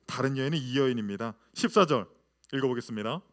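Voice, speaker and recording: A man in his thirties, a pastor, preaching a lively sermon full of rhetorical questions to his congregation. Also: medium pitch, fast talker.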